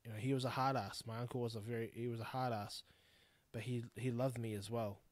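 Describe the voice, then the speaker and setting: In a candid solo monologue, a podcast host in his thirties with a New Zealand accent speaks bluntly and swears freely as he wanders from point to point. His medium-pitched voice has fairly even intonation and a slightly fast pace, with no room sound.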